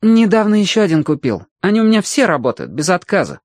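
A man voicing an excitable young boy who pleads and argues eagerly. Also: high-pitched, quick pace, dry recording, clean studio sound, pitched above the performer's own voice. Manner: pleading, emphatic.

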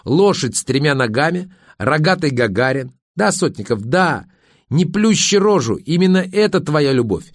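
A biting, scornful young wife, as a male narrator puts her on. Her lines climb higher than his own low voice and swing a lot in pitch. The sound is dry and close. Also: big pitch swings, moderate pace, husky, no room sound. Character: angry sharp-tongued wife, young adult woman.

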